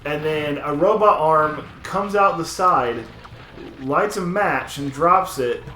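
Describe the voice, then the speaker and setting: A man's voice: a little high, slow pace. A man chatting casually during a gaming session, eagerly retelling funny scenes. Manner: animated storyteller retelling scenes. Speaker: gaming co-host. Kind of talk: casual chat while playing. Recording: echoey room with faint noise.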